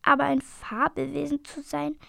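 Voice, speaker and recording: An eager, excitable male dragon from a children's storybook, as a woman reads him out. His voice runs fairly high with a gravelly grain, recorded close and dry. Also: normal speed, dry recording, heavily acted.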